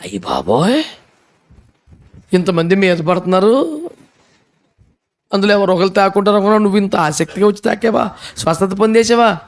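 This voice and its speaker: A man's voice: high voice, big pitch swings, normal speed, long pauses. A man voicing puzzled male disciples who sound exasperated and incredulous.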